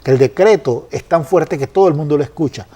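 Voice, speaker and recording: A man earnestly explaining Bible passages in a conversational study, often pausing with fillers and restarting phrases. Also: fairly high pitch, dark tone, breathy edge. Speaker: Bible teacher.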